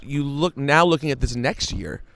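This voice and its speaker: A man's voice: mid-range voice, moderate pace, creaky, a bit bright, a little hiss or hum. A man hosting a podcast interview, joking and a little flustered as he talks. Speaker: host. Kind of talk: casual interview chat.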